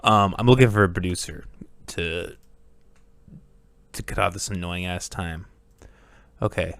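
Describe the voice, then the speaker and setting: A man's voice: low-pitched, fairly even intonation, a little slow, creaky, a bit bright, no echo. A young man hosting a solo podcast, rambling casually with lots of swearing and laughter. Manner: rambling, profane, laughs often. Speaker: podcast host.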